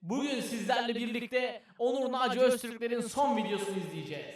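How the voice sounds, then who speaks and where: Brief: high-voiced man, mock radio intro, heavy digital reverb echo on the voice. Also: a little fast. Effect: heavy digital reverb echo added in editing. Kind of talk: mock radio announcement used as demo audio.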